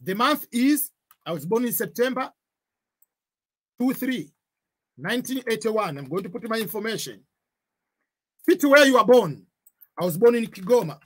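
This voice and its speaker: Man, 40s, webcam tutorial, husky voice, patient repeating explainer. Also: very high voice, expressive, moderate pace, long pauses. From Tanzania. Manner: repeats points, gives examples, cautionary tone. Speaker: online tutor. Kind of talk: screen-share tutorial.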